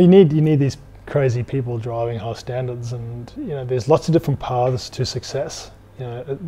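Male interview guest from South Africa, thirties, dark relaxed tone, thoughtful and articulate conversational delivery. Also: medium pitch. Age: 30s. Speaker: interview guest, former professional rugby player. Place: indoors in an empty bar. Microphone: clip-on lapel mic.

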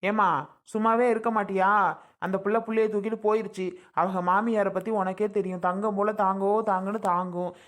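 A woman's voice: mid-range voice, flat delivery, a little fast, lightly acted. A woman doing a sarcastic grown son. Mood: exasperated. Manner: sarcastic, dismissive. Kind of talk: family comedy skit.

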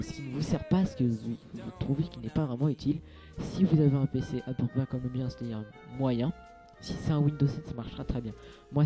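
A young man giving a casual, hesitant game tutorial, full of fillers and restarts. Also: medium pitch. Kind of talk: casual screen-capture tutorial.

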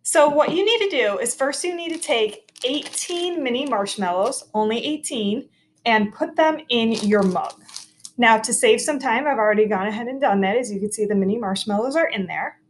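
A woman in her thirties, a teacher, hosts a kids' cooking video from her home kitchen, walking children through a cheerful step-by-step demo in a clear, instructive way. Her voice sits on the high side and is expressive, at a moderate pace. A laptop camera across the counter picks her up, with a little hiss or hum.

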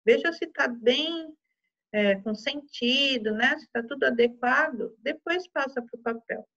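A woman with a Brazilian Portuguese accent teaches a class for young children in a high, gentle voice. She talks patiently and softens her words as she checks in with the class. The recording sounds slightly dull and lo-fi. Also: unhurried. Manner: gentle, patient, uses diminutives and checks in often.

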